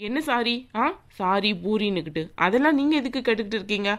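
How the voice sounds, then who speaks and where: A woman voicing a haughty young bride in a cartoon, sharp and sneering as she bosses others around. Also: mid-range voice, quick pace, lightly acted. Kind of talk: cartoon voice acting.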